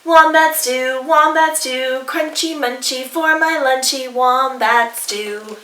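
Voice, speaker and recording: A woman's voice: sits high, slow pace, pushed and bright, a little hiss or hum, heavily acted. A woman voicing a clever, boastful male dingo from a storybook, gleeful and singsong, cooking up a stew. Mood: merry singsong. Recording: roomy echo, distant mic.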